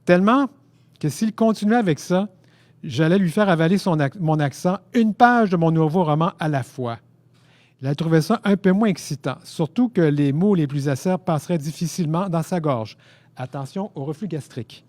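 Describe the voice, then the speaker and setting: Lively Québécois man reading his novel. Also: fairly high pitch, normal speed, no echo. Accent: Québécois French. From Quebec. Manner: lively, self-mocking, theatrical narration. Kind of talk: expressive reading of a first-person story. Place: book fair.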